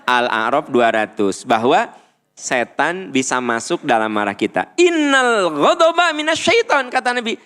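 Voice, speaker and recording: Middle-aged man, Sundanese accent, lively preacher; slightly high voice, very expressive pitch, playful delivery. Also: unhurried, smooth. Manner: animated, playful, acts out little dialogues. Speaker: Islamic preacher. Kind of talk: lively religious lecture.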